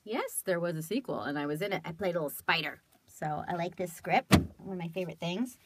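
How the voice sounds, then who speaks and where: A woman's voice: lowish voice, fairly quick. A woman in her thirties from California, a voice actress chatting casually and animatedly as she shows off keepsakes. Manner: animated, chatty, laughing often. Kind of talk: casual show-and-tell vlog.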